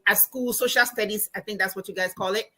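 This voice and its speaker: A woman from Ghana with a Ghanaian accent, a guest telling stories in an animated, emphatic way in a casual podcast interview over a call. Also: mid-range voice, fast. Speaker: guest, anthropology professor and financial coach.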